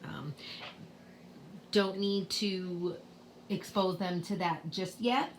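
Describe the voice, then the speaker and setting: A woman gives a relaxed spelling lesson for parents, unhurried and patient, often pausing on fillers. Her voice sits a little low. The sound is roomy, with a faint hum behind her. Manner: slow, patient, with many fillers. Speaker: teacher explaining spelling rules to parents. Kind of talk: casual home lesson. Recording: roomy echo, faint ambience.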